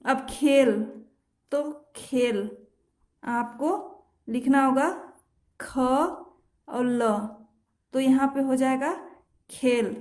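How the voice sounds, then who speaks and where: A woman's voice: high voice, steady tone, very slow, pauses often, darkish tone. A woman teaching shorthand, explaining each rule patiently step by step and repeating her examples, now and then correcting herself. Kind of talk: step-by-step instructional lesson. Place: home.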